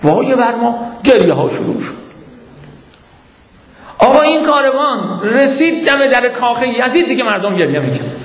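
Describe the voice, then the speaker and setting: A man's voice: very high voice, big pitch swings, pauses often, fairly bright tone. A man telling a religious story as a sermon, dramatically acting out the quoted speakers. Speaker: preacher. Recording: echoey hall reverb.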